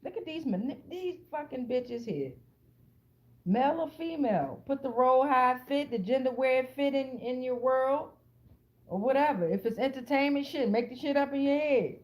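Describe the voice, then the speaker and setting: High-pitched and darkish, her voice has lively intonation and a normal pace. She's an American tarot reader and channel host improvising a casual online reading, blunt and streetwise, swearing without restraint and repeating phrases to stress them.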